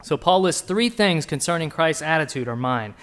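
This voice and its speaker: A man preaching a sermon, asking the listeners direct questions and swinging between hushed and emphatic delivery. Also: a little high, lively intonation, moderate pace.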